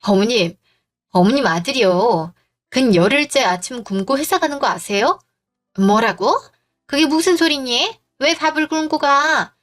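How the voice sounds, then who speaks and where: A woman narrating a first-person story in a firm, composed way. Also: fairly high pitch. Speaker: narrator and wife.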